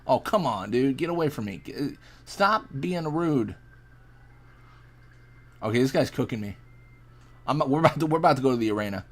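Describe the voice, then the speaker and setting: A man's voice: mid-range voice, expressive, normal speed, long pauses. A young man casually chatting and reacting while streaming a fishing game, laid-back and rambling as he answers chat.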